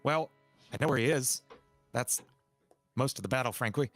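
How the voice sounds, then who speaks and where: A man's voice: mid-range voice, normal speed, no echo, faint music behind. A man narrating a tabletop game as game master, with hesitant, filler-heavy delivery.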